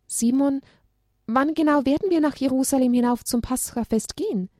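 A woman voicing a caring mother in a read-aloud story, speaking calmly and soothingly. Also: sits high, moderate pace, no room sound, clean studio sound, voice pushed up, close to an everyday voice. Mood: hopeful. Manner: soothing, calm. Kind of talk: storybook reading.

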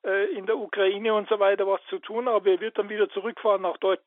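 A man's voice: sits high, little pitch movement, quick pace, no echo. A man calling in to a radio show, earnest and hesitant, with many fillers. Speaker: caller. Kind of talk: phone-in call. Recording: tinny dry phone line.

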